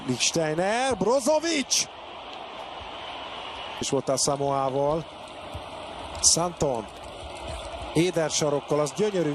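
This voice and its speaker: Clipped and urgent, a fairly high-pitched male football commentator names players excitedly, his voice leaping whenever a chance arises, all against plainly noisy broadcast audio.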